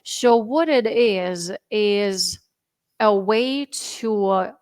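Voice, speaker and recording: A health and fitness coach from Russia, in her thirties, talks very slowly through her coaching steps as an interview guest on a podcast, her English carrying a Russian accent. She has a medium pitch and a slightly mellow, clean tone, and the recording is dry.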